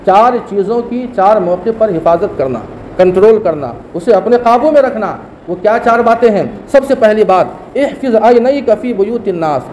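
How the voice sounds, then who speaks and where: Man, mufti preacher, Friday sermon, emphatic repetition, quick Arabic recitation, raised pitch. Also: expressive, a little mellow, lo-fi sound, a little hiss or hum. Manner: emphatic, repeats key phrases, recites Arabic verses quickly.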